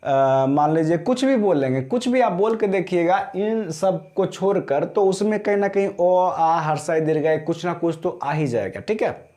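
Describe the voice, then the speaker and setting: A man teaching a grammar class, explaining slowly and often checking whether students understood. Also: high-pitched, dark tone. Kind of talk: classroom lesson.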